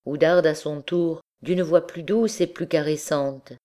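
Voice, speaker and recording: A woman reading a classic novel aloud as an audiobook narrator, calm and measured. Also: deep voice. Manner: slow, calm literary reading. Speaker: audiobook reader. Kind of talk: scripted narration.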